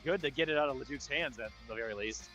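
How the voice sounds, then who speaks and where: An American man giving relaxed color commentary on a floor hockey game, chatty with fillers and restarts. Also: medium pitch, fast, lo-fi sound, soft background music. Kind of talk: amateur live sports commentary.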